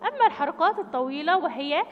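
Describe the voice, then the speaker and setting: A woman's voice: sits high, lively intonation, quick pace, big-room sound, dull audio. A woman teacher with an Egyptian Arabic accent leading a children's reading lesson, stretching out syllables with emphasis for young pupils. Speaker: primary school teacher. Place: school classroom or room.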